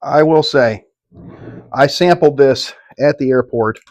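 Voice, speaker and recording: A middle-aged man hosts a casual tasting review in a mid-pitched voice. He talks in a folksy, halting way and swears freely as he goes. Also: a little mellow. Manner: profane, folksy, halting delivery. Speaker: whiskey review host.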